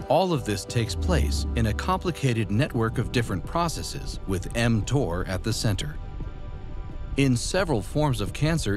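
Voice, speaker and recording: A man giving measured, formal scripted narration for a news release. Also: mid-range voice. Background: music.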